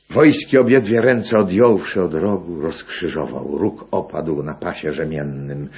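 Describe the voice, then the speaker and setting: A man reading epic poetry aloud in a slow, declamatory way. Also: low-pitched, mellow.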